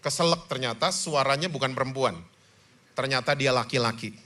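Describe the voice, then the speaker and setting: A male pastor preaching a sermon with animated delivery, often checking in with the congregation. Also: mid-range voice, brisk. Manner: animated, with rhetorical "hmm?" prompts to the congregation.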